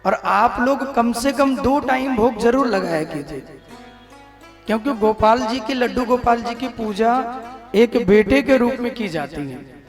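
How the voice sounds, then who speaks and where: A man with a North Indian accent gives a devotional sermon in a high, ringing voice. He exhorts the crowd and asks them to call back louder. The hall is roomy, with soft music faintly beneath him. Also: expressive, unhurried. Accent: North Indian, Vrindavan. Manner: exhorting, calls on audience to respond. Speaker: Bhagwat katha preacher.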